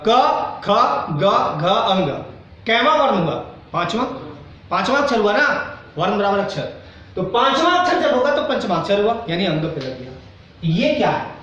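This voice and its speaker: A man's voice: high-pitched, very animated, normal speed, a bit bright, heavy reverb, distant mic, highs cut off, a little hiss or hum. A male Hindi teacher giving a grammar lesson to a class, asking questions often and acting out students' doubts. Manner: acts out students' doubts in quoted asides.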